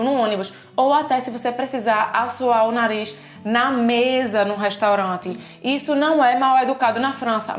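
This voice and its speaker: Brazilian woman co-hosting a lesson, higher voice, echoey room with faint music. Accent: Brazilian Portuguese. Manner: lively, explains patiently with examples. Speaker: language teacher and co-host. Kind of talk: casual explanatory video lesson.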